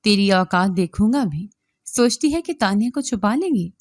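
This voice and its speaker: A woman voicing an abusive middle-aged father who shouts harsh threats in a raised, loud voice. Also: mid-range voice, lively intonation, dry recording, close to an everyday voice. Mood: furious, threatening.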